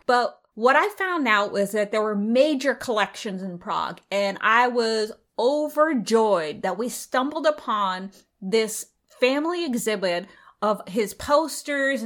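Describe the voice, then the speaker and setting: A woman's voice: fairly high pitch, fairly bright tone. A woman co-hosting a travel podcast, chatting casually and enthusiastically about places she visited. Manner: enthusiastic, descriptive. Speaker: podcast co-host.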